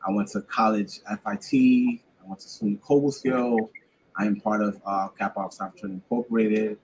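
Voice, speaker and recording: Honduran-born man, radio guest, a bit low, hesitant and filler-heavy. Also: fairly even intonation, a little fast, a little mellow, slight background noise, rough recording. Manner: hesitant, full of fillers and restarts. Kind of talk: casual radio interview.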